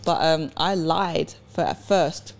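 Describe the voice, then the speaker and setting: A young woman from Sweden with a lowish voice chats on a podcast. She tells her story animatedly, acting out the lines of others and laughing often. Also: slow pace, gravelly. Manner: animated, laughs often, acts out quoted dialogue. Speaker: podcast co-host. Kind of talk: casual storytelling chat.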